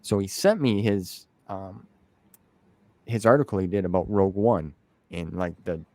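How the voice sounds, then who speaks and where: An unhurried, low-pitched man with a slightly mellow tone hosts a relaxed interview, recorded without echo. He talks in a casual, meandering style, often saying "man" and "dude."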